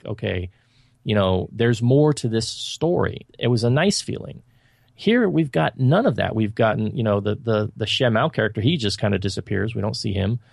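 A man's voice: on the low side, creaky, dry recording, clean studio sound. A man co-hosting a podcast, reviewing films in casual chat with an opinionated, critical and rambling manner. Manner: loose, rambling delivery.

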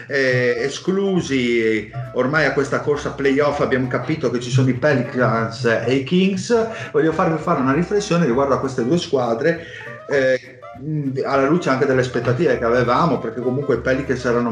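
A man hosting a basketball podcast, steering the chat in a relaxed way with fillers. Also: medium pitch, reverberant. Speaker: podcast host. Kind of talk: casual chat, leading discussion.

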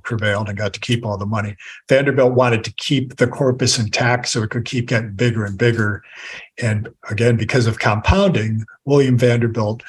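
Man, husky voice, author guest, measured storytelling, podcast interview. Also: fairly low pitch, rough recording.

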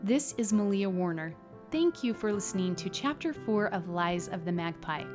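A woman narrating her own memoir in a scripted audiobook style, with measured, expressive literary phrasing. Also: mid-range voice, over music.

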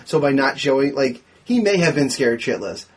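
A man in a casual movie discussion, talking in an animated, argumentative way with quick restarts. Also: medium pitch, slightly rough. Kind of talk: casual movie podcast chat.

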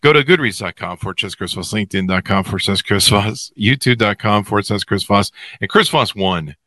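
A man's voice: fairly low pitch, fairly quick, sharp tone, dry recording, clean studio sound. A man hosting a podcast with a voice that is giving out and cracking, rambling through an off-the-cuff, joking intro. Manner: joking, rambling, theatrical exaggeration. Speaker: podcast host.

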